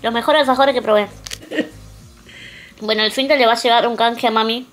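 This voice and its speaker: A woman's voice: a little high, steady tone, fairly quick, fairly bright tone, slight background noise. A young woman with an Argentine accent chatting casually to the camera in a vlog at home. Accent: Argentine (Rioplatense). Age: young adult. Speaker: vlogger. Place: small room at home.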